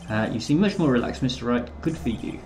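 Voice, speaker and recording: A man voicing a stern older male judge in a courtroom game, asking formal, measured questions. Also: medium pitch, expressive, darkish tone, a little hiss or hum, natural voice.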